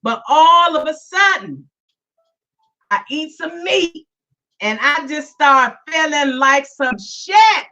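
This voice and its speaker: Slow and sharp-toned, with lively intonation, this high-pitched woman hosts a live stream of her own podcast. She greets listeners by name and chats casually, repeating herself, her voice still weak from sickness. The recording sounds dull, lo-fi, and a bit far away.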